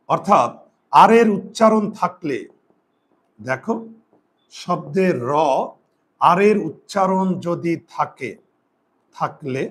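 Guy teacher going over a spelling rule again and again, quizzing the class and answering himself, fairly high voice. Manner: repeats rules, asks and answers own questions. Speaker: Bengali grammar teacher. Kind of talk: spelling lesson to students.

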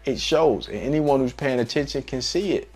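A man's voice: mid-range voice, normal speed, a little mellow, faint music behind. A man giving a casual, earnest devotional sermon in a conversational, slangy way.

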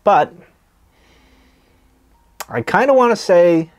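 In a small wood-paneled room, a man in his thirties reviews tobacco, chatting casually to the camera while puffing a cigar. His high-pitched voice swings widely in pitch, and he speaks slowly, laid-back and hesitant, trailing off between puffs.

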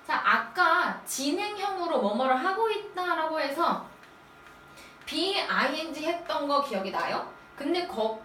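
A woman teaching middle school English in a recorded lecture. She asks quick questions and answers them herself, going through the material step by step. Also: high voice, a bit bright, far from the mic, slight background noise. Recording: echoey room, voice off-mic.

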